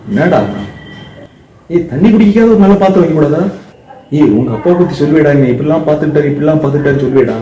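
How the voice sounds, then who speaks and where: A man's voice: a little high, warm tone, natural voice. A man playing an adult son who argues with a friend about his sick father in an amateur drama. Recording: very echoey room, distant mic, faint hiss.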